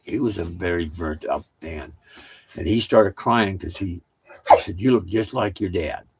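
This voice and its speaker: A man's voice: deep voice, a little slow, very noisy. An older man telling family stories at home in a rambling, casual way, with many restarts and side remarks. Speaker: storyteller.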